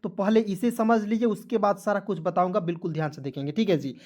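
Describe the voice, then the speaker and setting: A man teaching a beginners' online class, speaking patiently and spelling out each letter slowly. He keeps checking that his viewers follow and calls them friends. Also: sits high, fairly even intonation, darkish tone. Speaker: English teacher.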